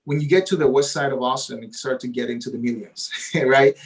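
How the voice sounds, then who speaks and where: A native Spanish-speaking man appears as a guest realtor in a casual interview, his voice sitting at a middle pitch. He's eager and talkative, going on at length and frequently checking in with "right?", all in an easy, conversational tone. His intonation stays fairly even and his pace is fairly quick.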